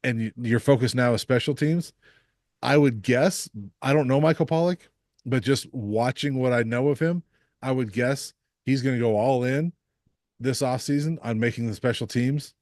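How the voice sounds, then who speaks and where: A relaxed man hosts a casual sports podcast, weighing each point slowly and filling pauses with ums and uhs. His voice sits at an everyday middle pitch. It sounds dry and close, with no room around it. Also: no room sound. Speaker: sports reporter and podcast host.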